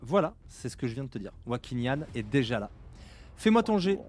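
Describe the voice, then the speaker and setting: A man narrating a tabletop role-playing game as game master, with dramatic pauses. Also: mid-range voice, sing-song, darkish tone.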